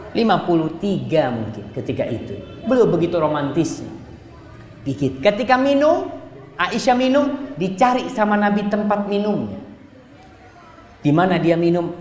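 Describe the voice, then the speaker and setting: A man preaching to a congregation in a lively, joking way, sometimes quoting Arabic phrases slowly. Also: fairly high pitch. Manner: lively, joking, acts out spouses' voices. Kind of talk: sermon to a congregation. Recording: echoey hall with long reverb.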